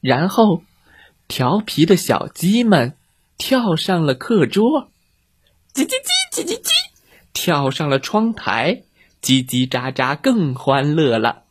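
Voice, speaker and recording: A male storyteller reading a bedtime story for small children, unhurried and stretching his words out. His pitch rises and falls in big, playful swoops, and his voice has a faintly husky grain. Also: no echo. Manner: animated, drawn-out, child-directed.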